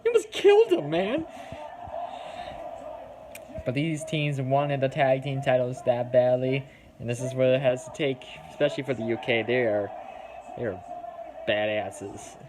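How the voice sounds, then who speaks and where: A man with a Minnesota accent giving chatty, excitable live reaction commentary, swearing casually as he talks. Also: medium pitch, moderate pace, noisy background. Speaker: wrestling reaction host.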